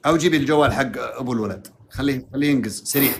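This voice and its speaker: A man, a sheikh giving advice to a caller in a lively, teasing, quick way. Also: medium pitch, gravelly, a little hiss or hum. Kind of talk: live call-in advice.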